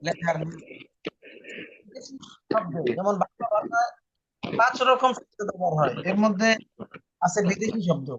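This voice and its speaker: A man's voice: high-pitched, lively intonation, a little slow, long pauses, a bit bright, husky. A man teaching a spoken language lesson, patiently explaining rules and repeating them for his student. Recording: muffled lo-fi online recording.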